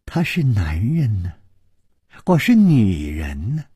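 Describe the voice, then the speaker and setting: A woman's voice: rumbling low, big pitch swings, slow pace, mellow, dry recording, clean studio sound, pitched below the performer's own voice, heavily acted. Man voicing a sly, taunting young woman. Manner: murmuring, taunting, breathy half-whispers.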